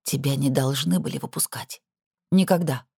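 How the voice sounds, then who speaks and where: A man voicing a cold, composed wealthy woman who speaks quietly but firmly and with disdain. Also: very deep voice, normal speed, vocal fry, husky, no echo, studio quality, full character voice.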